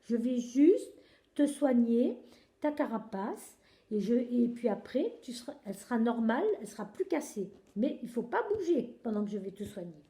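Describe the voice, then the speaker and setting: A gentle mother nurse, as a woman puts her on, calm and soft-spoken. She talks low and soothingly in a storybook tale. Her voice is mellow in an echoey room. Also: moderate pace.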